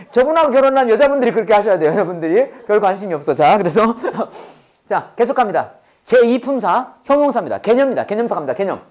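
Woman teacher in a classroom, lively drilling lecture with a very animated voice. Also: mid-range voice. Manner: lively, call-and-response drilling with laughs. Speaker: English teacher. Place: classroom with students.

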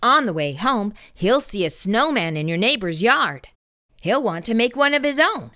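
A middle-aged woman reading aloud to young children in an expressive storytime voice, as a children's host. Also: fairly high pitch, moderate pace, dry recording, studio quality.

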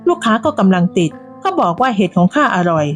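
A woman's voice: medium pitch, very animated, fast, soft background music, close to an everyday voice. Woman doing a feisty old village woman. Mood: defiant. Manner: defiant, brushes off warnings.

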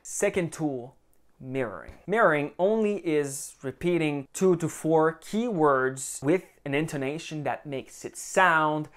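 A man's voice: fairly high pitch, measured pace. A young man delivering a blunt, profane motivational advice monologue as a vlogger.

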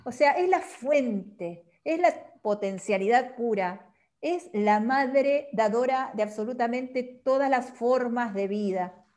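Taking it slowly, a woman with a slightly high, darkish voice explains a calendar system as a guest teacher. She is patient and often rounds off points with a questioning tag.

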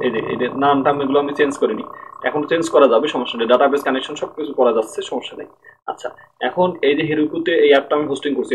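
A man's voice: medium pitch, muffled recording, slight background noise. A man giving a screen-recorded programming tutorial at his computer, explaining step by step and often checking that listeners follow.

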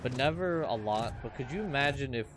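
A man's voice: medium pitch, expressive, brisk, background noise. A man in his twenties rambling and joking with viewers as he comments on his own gameplay. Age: 20s. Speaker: let's play host.

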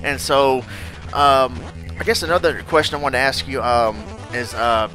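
A man hosting a casual interview, an animated storyteller who laughs often and acts out quotes. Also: medium pitch, moderate pace, soft background music. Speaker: podcast host.

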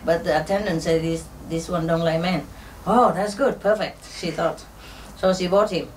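A woman telling jokes and stories to an audience in a halting, unhurried way, with many fillers. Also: lowish voice, fairly even intonation, darkish tone. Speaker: spiritual teacher telling jokes. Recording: distant mic with faint ambient noise.

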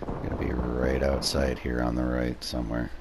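A young man commenting on a game with a friend, swearing often and calling out tactics with excitement. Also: extremely low pitch, moderate pace, heavy background noise. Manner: profane, excitable tactical callouts. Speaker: gamer streaming with a friend. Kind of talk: casual gaming commentary.

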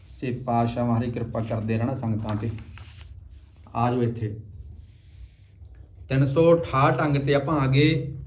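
A man teaching how to pronounce scripture correctly, slowly repeating each word so listeners can follow. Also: mid-range voice, roomy sound. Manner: slow, repeats words to drill pronunciation. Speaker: Gurbani reading teacher. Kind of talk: instructional recitation lesson.

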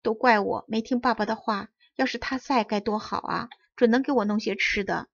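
A woman's voice: on the high side, steady tone, fairly quick, creaky, no echo, highs cut off. A woman voicing a pitiful wooden puppet boy. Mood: wistful. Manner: pleading, whimpering.

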